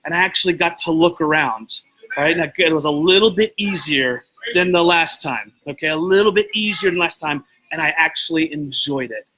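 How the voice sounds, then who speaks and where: A man talks straight to his live viewers in a loose, rambling style. His voice sits a bit high and has a bright, forceful edge. He gets excited as he goes and breaks off to greet people by name. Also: normal speed, low-quality recording. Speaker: host of a live video show. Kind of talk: casual motivational talk to live viewers.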